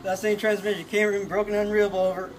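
A man talks over a two-way military radio in a high voice, giving short, clipped procedure calls. Music plays clearly in the background. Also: level tone, racing, rough recording. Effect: talking over a two-way military radio. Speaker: soldier doing a radio check. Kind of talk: comedy skit.

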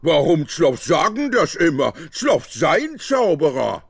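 A man's voice: on the high side, very animated, creaky, breathy edge, full character voice. A man voicing a dim, suspicious ogre in a video game, speaking bluntly and simply in broken sentences. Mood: blunt, puzzled. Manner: slow, blunt, simple-minded, third-person speech.

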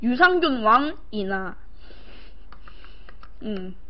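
A woman's voice: a little high, very animated, extremely slow. A young woman hosting a live-stream eating show, chatting casually with viewers as she eats, at times playful and singsong. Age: young adult. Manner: talks while eating, with short murmurs between phrases. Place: small room indoors. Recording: dull, lo-fi stream audio.

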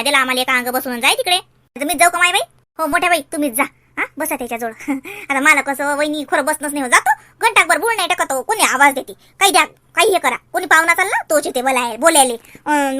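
A woman's voice: high-pitched, sharp tone. A woman in a village comedy sketch, trading fussy, chatty banter.

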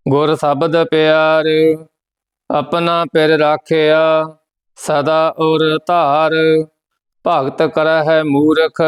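Guy chanting scripture for a lesson, real slow, pretty high voice, super clear. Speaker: scripture teacher.

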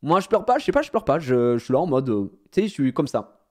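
A man telling a story casually to his viewers, in an animated, slangy way, often laughing at himself. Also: medium pitch, quick pace. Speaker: streamer.

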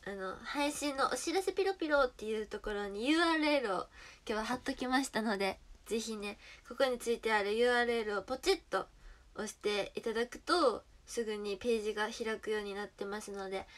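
Young kansai girl chatting on her stream, kinda high-pitched, playful, talks right to the viewers. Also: brisk, a bit bright. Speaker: idol livestreamer. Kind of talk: casual livestream chat.

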